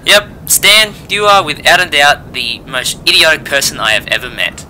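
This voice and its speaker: A man's voice: a little high, big pitch swings, normal speed, sharp tone, slight background noise, full character voice, poor audio. A man playing a sarcastic, fed-up buddy. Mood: mocking. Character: exasperated young male friend, sarcastic. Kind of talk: amateur game machinima acting.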